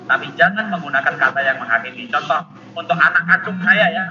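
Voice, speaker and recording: A man giving a lively, emphatic talk to teachers over a video call. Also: on the high side, brisk. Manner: animated, emphatic, laughs often. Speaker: seminar speaker for teachers. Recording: muffled video-call audio with steady noise.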